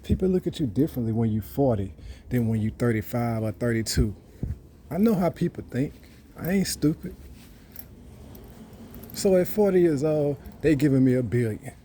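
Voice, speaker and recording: A man talks in a rambling, boastful monologue and circles back over the same points. His voice is dark and mellow. A faint hiss sits behind him. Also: medium pitch, expressive, normal speed, long pauses. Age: 30s. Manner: rambling, boastful, repeats himself. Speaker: vlogger. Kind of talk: casual monologue.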